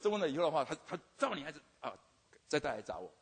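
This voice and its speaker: Rapid, husky older man in a hall. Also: on the high side, big pitch swings. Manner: stammering repetitions, frequent "OK" fillers. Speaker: university teacher giving a testimony. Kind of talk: humorous testimony storytelling. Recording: long hall reverb.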